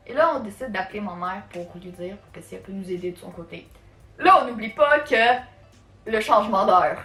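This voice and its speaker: A woman's voice: medium pitch, animated, brisk, fairly bright tone. A woman from Canada with a Quebec French accent, telling a casual storytime in a chatty way, full of fillers. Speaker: vlogger. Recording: echoey room, faint music.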